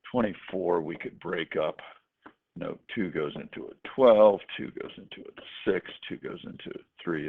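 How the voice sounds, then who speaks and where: A man's voice: low-pitched, creaky. A man teaching math, working through problems step by step with casual asides. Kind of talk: worked-example math lesson. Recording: tinny lo-fi recording with faint noise.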